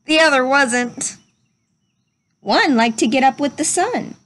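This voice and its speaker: A young adult woman acts as a read-aloud storyteller, sharing a children's picture book and chatting to young viewers simply and instructively. She speaks slowly and expressively in a high, somewhat bright voice, outdoors under a covered wooden pavilion.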